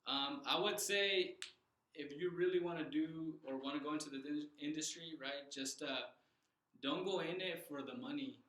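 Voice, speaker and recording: Young male interviewee, earnest, halting with fillers, bright voice, echoey room. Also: on the high side. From Southern California. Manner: earnest, many fillers and restarts. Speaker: loan officer guest. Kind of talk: casual interview.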